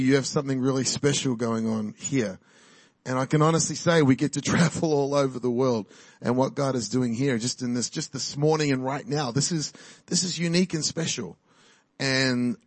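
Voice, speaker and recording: A guest preacher in a church, this forties-aged man with a New Zealand accent speaks at a medium pitch, with no room sound. His sermon and testimony are lively and chatty, often broken by laughter as he rallies the crowd.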